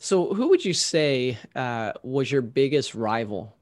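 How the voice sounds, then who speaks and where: A man's voice: medium pitch, sing-song, a little slow. Man asking brief interview questions. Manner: brief backchannel replies. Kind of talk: casual interview.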